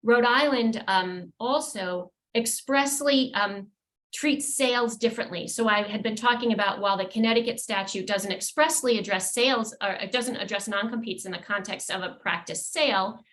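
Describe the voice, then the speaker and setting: The presenter, a woman attorney, speaks at medium pitch with a fairly bright tone during a professional webinar. Her explanations are measured, marked by occasional fillers and restarts.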